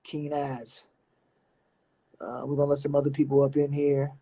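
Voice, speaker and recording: A man's voice: fairly high pitch, little pitch movement, moderate pace, mellow, slightly rough. A man hosting a live stream from his phone, chatting casually with callers and calling them brother. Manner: laid-back, says man and my brother often.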